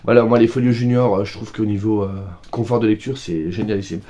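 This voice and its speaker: A man's voice: fairly low pitch, steady tone, a little fast, dark tone. Chatty self-mocking man. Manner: chatty, self-mocking, talks to himself by name. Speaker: book vlogger. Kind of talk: casual book haul chat.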